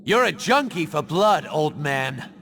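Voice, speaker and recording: A man's voice: on the high side, sing-song, measured pace. An actor playing a brash, cocky younger male assassin in a video game, with a taunting manner. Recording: music loud behind the voice.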